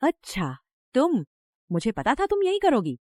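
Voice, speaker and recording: A woman's voice: sits high, huge pitch swings, a little slow, dark tone, no echo, exaggerated voice. A harsh middle-aged mother-in-law villain, swooping scolding voice, dry studio sound. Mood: menacing. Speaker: dubbing actor. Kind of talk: Hindi drama dub.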